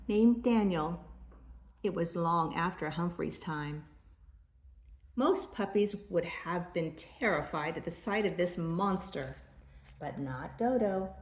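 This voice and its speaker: A woman's voice: fairly low pitch, a little mellow. Echoey older woman, grandma storytelling voice. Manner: grandma voice, measured storytelling delivery. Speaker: grandmother reading aloud. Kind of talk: read-aloud children's storybook narration.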